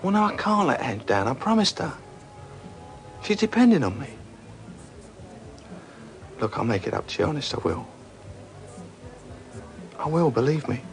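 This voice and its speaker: A man's voice: a little high, big pitch swings, moderate pace, long pauses. An actor playing a flustered, apologetic man in a British TV soap. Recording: TV soundtrack with faint music.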